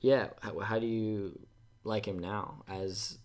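Laid-back low-voiced male co-host. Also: steady tone, a little mellow. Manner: laid-back, chatty, quick to laugh. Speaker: podcast co-host. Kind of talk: casual chat.

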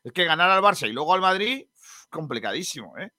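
A man's voice: on the high side, big pitch swings, fast talker, sharp tone, no room sound, studio quality. A man hosting a casual sports talk show, joking and reading viewer comments aloud. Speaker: host.

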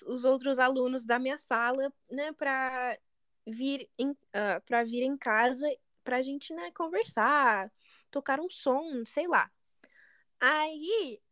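Co-host: American-accented woman, hesitant, restarts often, high pitch. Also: a bit bright, no room sound, studio quality. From United States. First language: English. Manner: hesitant, searching for words, many restarts. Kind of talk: casual podcast chat.

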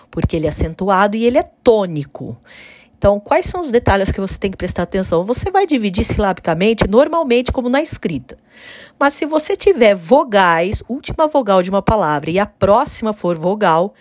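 A woman gives an online literature lesson, explaining clearly and slowing down to sound out syllables. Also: mid-range voice, no echo. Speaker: literature teacher. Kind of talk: online lesson on poetic meter.

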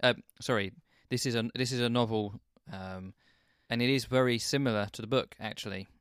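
A man's voice: mid-range voice, a little fast, fairly bright tone, clear, resonant tone, dry recording, studio quality. A man co-hosting a casual film chat, thoughtful and hesitant, often restarting his sentences. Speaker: film podcast co-host.

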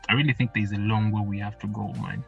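A man's voice: on the low side, steady tone, quick pace, creaky, muffled recording, soft background music. A man hosting a podcast, chatting casually and rambling as he repeats himself. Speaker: podcast host. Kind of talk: casual interview.

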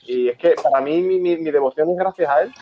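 Hosting a brotherhood talk show, a man with a fairly high voice shares a memory in casual chat, halting often and repeating words as emotion takes hold. The lo-fi recording sounds dull, with faint music underneath.

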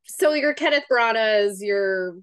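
A woman's voice: on the high side, expressive, slow, clean tone, no echo. A woman hosting a podcast, casual and joking as she steers the talk. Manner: upbeat, joking. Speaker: podcast host. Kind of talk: casual chat.

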